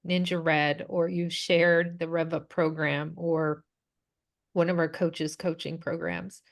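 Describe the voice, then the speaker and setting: A woman's voice: sits low, flat delivery, slow, vocal fry. A woman hosting a group wellness call, speaking earnestly and encouragingly. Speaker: host and wellness coach.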